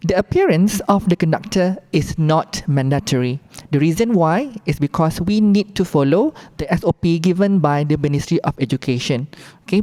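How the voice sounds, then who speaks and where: A woman with a Malaysian accent explains rules in a briefing. Her voice is soft-edged and mellow, sitting slightly low, and she goes through things instructively, point by point. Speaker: competition briefing presenter.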